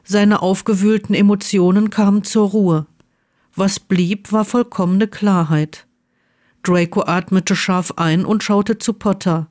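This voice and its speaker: A woman reading a story aloud in a calm, measured way. Her voice sits at a middle pitch, and the delivery is steady narration. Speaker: fan fiction reader.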